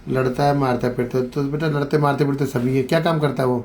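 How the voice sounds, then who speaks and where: A man's voice: medium pitch, fairly even intonation, quick pace. Probing male interviewer repeating answers. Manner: probing, repeats answers back, urges louder speech; calls people beta. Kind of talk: on-the-spot questioning interview.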